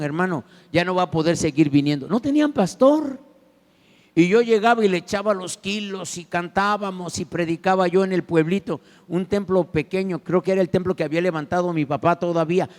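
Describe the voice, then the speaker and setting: A man with a Mexican Spanish accent preaching a sermon as pastor, telling a story dramatically and swinging from loud to hushed. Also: high voice. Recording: long church hall reverb.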